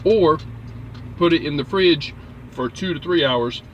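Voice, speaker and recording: A man's voice: on the high side, a little slow, lo-fi sound. A man hosting a livestream, chatting casually in a folksy, joking way. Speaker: livestream host, trucker. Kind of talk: casual chat. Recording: faint outdoor vehicle noise.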